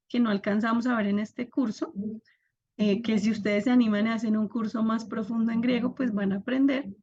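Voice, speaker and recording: A woman's voice: fairly high pitch, a little mellow, husky, lo-fi sound. A young woman teaching an online class, patiently explaining step by step and asking her students to react.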